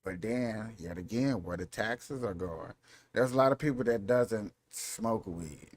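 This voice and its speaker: A man's voice: on the low side, measured pace. A man hosting a casual commentary vlog, rambling and repeating himself as he talks over clips. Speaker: vlog host.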